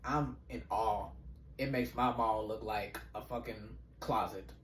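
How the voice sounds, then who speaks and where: A man's voice: fairly low pitch, fairly even intonation, unhurried, a little hiss or hum. A man in his late twenties hosting a podcast, telling a profane storytime and acting out every character. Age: late 20s. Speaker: podcast host. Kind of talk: storytime monologue. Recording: roomy echo.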